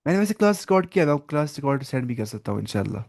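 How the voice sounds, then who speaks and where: A man teaching an online Arabic class, patiently repeating each word slowly for his student over a video call. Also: medium pitch, sing-song, a little mellow.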